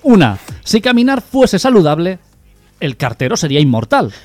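A man telling jokes on a radio humor show, delivering punchlines deadpan. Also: sits high, moderate pace, soft background music. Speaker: radio joke teller.

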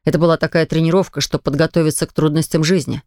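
A woman's voice: low voice, steady tone, racing, darkish tone, no room sound, clean studio sound, pitched below the performer's own voice. Woman voicing a blustering, hot-tempered father. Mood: lecturing. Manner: blustering, lecturing. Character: exasperated middle-aged father, hot-tempered.

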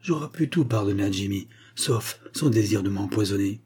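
A man voicing a dying old miser who shouts in raging outbursts. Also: fairly low pitch, moderate pace, husky.

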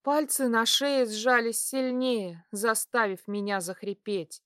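A woman narrating a first-person novel in a slow, even, steady reading voice. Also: on the high side, no echo, clean studio sound. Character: young satyr woman, fierce and defiant. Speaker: audiobook narrator.

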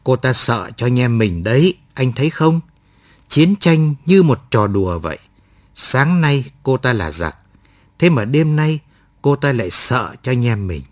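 A man voicing a rough, hot-tempered male guerrilla soldier who talks in a gruff, scolding way, in a dry, close recording. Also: mid-range voice, sing-song, measured pace, dry recording. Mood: musing.

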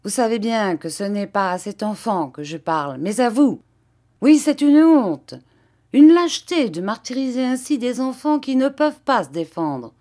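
A woman's voice: lowish voice, lively intonation, unhurried, few pauses. Woman playing a stern old traveling musician. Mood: indignant. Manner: forceful, indignant.

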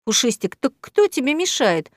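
A playful young woman who teases with mock seriousness, as the narrator puts her on. Her voice sits a little high and sounds dry and close, like a studio audiobook. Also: big pitch swings, normal speed, no echo. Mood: teasing. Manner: teasing, ironic. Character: playful ironic young woman teasing her cat friend. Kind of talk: audiobook character voice.

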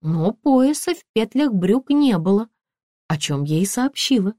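A woman narrating a first-person audiobook with a wry, lively storytelling manner. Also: mid-range voice, a little slow, no room sound, clean studio sound.

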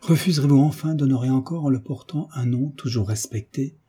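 A man reading the part of a kind, fatherly hunchbacked nobleman in a gentle, coaxing way. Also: mid-range voice, a little fast, breathy edge, voice pushed up. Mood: coaxing, tender.

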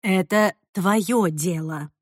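A woman's voice: medium pitch, lively intonation, unhurried, dry recording, clean studio sound. A woman voicing a stern older grandmother who speaks in a clipped, firm, lecturing manner in an audiobook. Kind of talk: audiobook character reading.

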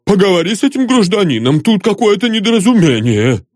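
A man reading aloud and voicing a greedy, excitable middle-aged engineer in a high, whiny, singsong voice. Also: unhurried, no room sound, studio quality. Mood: alarmed. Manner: wheedling, singsong pleading.

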